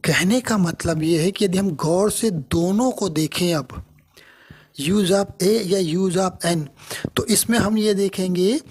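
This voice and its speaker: Male grammar teacher; slow, patient delivery, husky tone, repeats and checks understanding. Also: sits high. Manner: repeats each point, restating terms in two languages; unhurried, with frequent checking questions. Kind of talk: explanatory grammar lesson.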